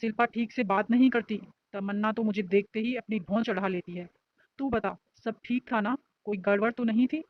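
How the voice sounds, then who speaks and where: A woman's voice: mid-range voice, fairly even intonation, normal speed, lo-fi sound, a little hiss or hum, natural voice. A woman voicing a teasing young college guy. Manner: joking, nosy banter.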